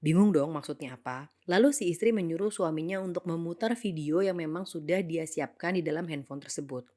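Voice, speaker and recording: A young woman with a somewhat low, slightly mellow voice narrates a reflective monologue. She speaks earnestly and thoughtfully, weighing each point, and now and then slips in English phrases.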